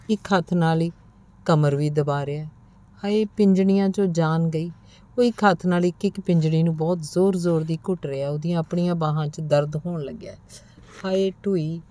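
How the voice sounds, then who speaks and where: Low, mellow woman reading a story. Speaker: audiobook narrator. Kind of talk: narrated short story reading.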